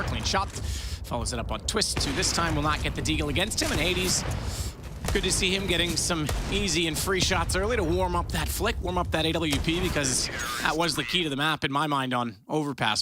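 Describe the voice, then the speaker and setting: A man working as an esports caster, giving live match commentary with analysis. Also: mid-range voice.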